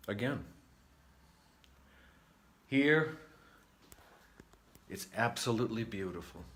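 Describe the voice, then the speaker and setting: Low-voiced man in slow, reflective monologue. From New England, United States. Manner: slow, deliberate and reflective, with swings from lively to hushed. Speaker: vlogger. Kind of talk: spiritual monologue to viewers.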